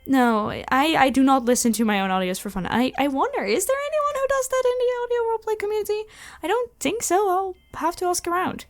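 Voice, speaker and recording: Her pitch is extremely high, her intonation lively, her pace brisk. She's a channel host making audio roleplays, speaking casually, animatedly, and self-deprecatingly to listeners as if answering their questions. Background music runs throughout.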